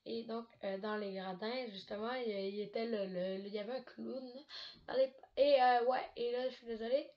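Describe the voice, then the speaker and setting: A woman tells a spooky story on a live stream, rambling, hesitating and tossing in joking asides. Her voice sits fairly high. The home mic sounds dull and lo-fi. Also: steady tone, moderate pace. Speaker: livestream host.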